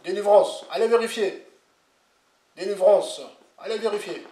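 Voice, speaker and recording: A man giving an informal, rambling sermon, repeating himself with animated asides. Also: high-pitched, a little slow, echoey room. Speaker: preacher.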